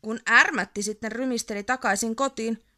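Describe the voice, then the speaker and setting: A woman reading a picture book aloud as a bedtime story, expressive and playful. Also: fairly high pitch.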